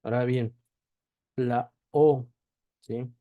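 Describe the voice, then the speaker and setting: Slow, deliberate male language teacher. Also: medium pitch, fairly even intonation, no room sound, narrow, tinny audio. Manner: checks in with a constant "¿sí?" after each point; spells out sounds slowly, one at a time. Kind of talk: slow classroom explanation.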